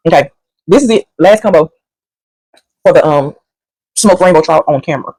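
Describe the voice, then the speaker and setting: A woman's voice: deep voice, normal speed, darkish tone, no room sound, poor audio. A woman doing a casual, rambling food review at home, sassy and sometimes talking while she eats.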